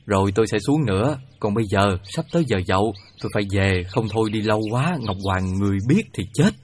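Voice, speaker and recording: An actor playing a heavenly god disguised as an old beggar, speaking in a slow, halting, sly way. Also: male voice, on the low side, animated, darkish tone, slight background noise, close to an everyday voice. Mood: secretive. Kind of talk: radio play acting.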